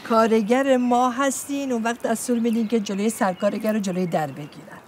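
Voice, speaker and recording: A woman playing a sarcastic, sharp-tongued forewoman. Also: on the high side, distant mic, a little hiss or hum, lightly acted. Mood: reproachful. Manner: sarcastic, quick retorts. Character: sharp-tongued middle-aged widowed forewoman. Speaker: engineer Mahshid, forewoman. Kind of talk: TV comedy series acting.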